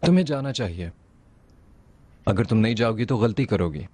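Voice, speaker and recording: A man dubbing a calm, supportive young man in a TV drama, speaking steadily and firmly. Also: on the low side, moderate pace, slightly rough, no echo. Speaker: dubbed actor. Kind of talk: dubbed TV drama.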